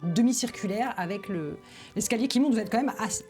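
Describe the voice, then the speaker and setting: A woman with a medium-pitched voice runs a tabletop game as game master, with soft music behind her. She builds scenes descriptively and hesitantly, searching for each word as she improvises. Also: lively intonation, a little fast.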